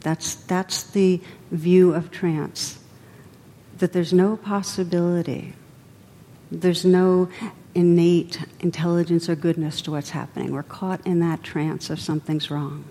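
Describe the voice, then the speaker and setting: A woman meditation teacher giving a dharma talk in a reflective, gently meandering way. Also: level tone, a little slow. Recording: reverberant hall with faint rumble.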